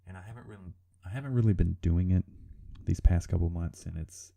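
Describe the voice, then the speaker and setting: With a brisk delivery, this artist commentates on his drawing in a low gravelly rumble, his tone very dark, like a serial killer's. He talks informally and hesitantly, running himself down, in casual, profane language.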